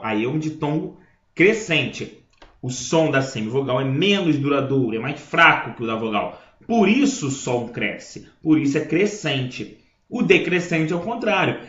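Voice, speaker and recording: A man teaching a grammar lesson, explaining step by step and checking in with his listeners. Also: a little high. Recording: echoey room, dull lo-fi sound.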